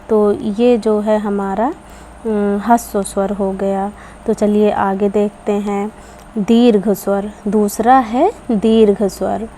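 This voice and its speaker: Slow, patient woman teaching children. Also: medium pitch, warm tone, a little hiss or hum. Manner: slow, patient explaining with repetition; addresses children. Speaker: Hindi teacher. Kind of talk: children's grammar lesson.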